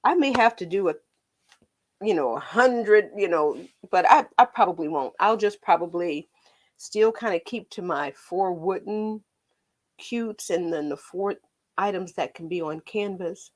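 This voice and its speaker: A woman's voice: on the low side, animated, unhurried. An American woman with a tinny, slightly metallic voice chats casually on a painting livestream, rambling playfully to her viewers as host and art teacher.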